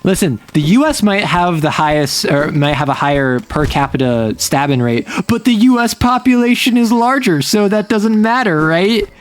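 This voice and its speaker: A male streamer in casual chat, joking and firing off quick, repeated interjections. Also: high-pitched, animated, slight background noise.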